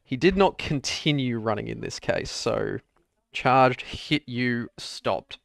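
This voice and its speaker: A man's voice: medium pitch, slow, creaky, a bit bright. A man running a tabletop role-playing game as game master, patiently explaining the rules.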